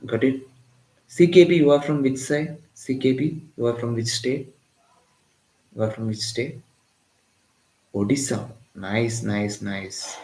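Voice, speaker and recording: Teaching physics live for exam preparation, a man from Tamil Nadu speaks Indian English at medium pitch, a little mellow. He tends to repeat himself and regularly checks in with "got it?". The recording is rough and roomy.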